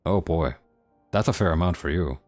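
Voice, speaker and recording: A man's voice: sits low, moderate pace, darkish tone, faint music behind, natural voice. A man voicing a polite, matter-of-fact male cleric hero in a game. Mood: plain.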